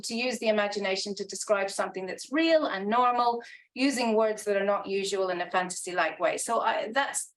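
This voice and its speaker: A woman researcher with a mid-range voice gives a conference talk, earnest and reflective but hesitant, full of restarts and ums. The audio is poor.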